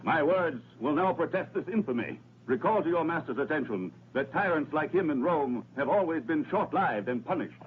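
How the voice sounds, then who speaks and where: Actor as a swooping, proud Roman senator, tinny film sound. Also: male voice, a little high, expressive, moderate pace, close to an everyday voice. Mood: indignant. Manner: oratorical, formal. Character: proud, rebellious Roman senator defying tyranny. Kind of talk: dubbed historical epic film acting. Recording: tinny narrow-band old film soundtrack, noisy.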